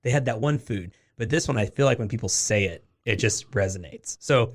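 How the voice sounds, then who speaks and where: A man from Oregon hosting a casual interview, chatty and encouraging, with lots of quick affirmations. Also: lowish voice, expressive. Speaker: podcast host.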